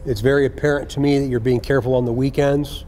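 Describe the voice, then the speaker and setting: A man, a senior police official, gives an earnest, deliberate address to recruits, repeating key phrases for emphasis. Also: medium pitch, level tone, a little mellow, slight background noise.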